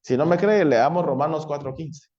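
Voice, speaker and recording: A man with a high voice preaches a sermon, constantly turning to his listeners with quick questions. He dramatizes points by voicing an accuser calling out sinners. The recording is dull and lo-fi. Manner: asks the congregation frequent "¿sí?" and "¿verdad?"; acts out the law shouting accusations. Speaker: pastor.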